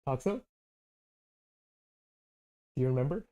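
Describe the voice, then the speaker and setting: A man's voice: medium pitch, animated, measured pace. A man hosting a trivia quiz over a voice call, thinking aloud with self-deprecating restarts. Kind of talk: casual streamed quiz chat.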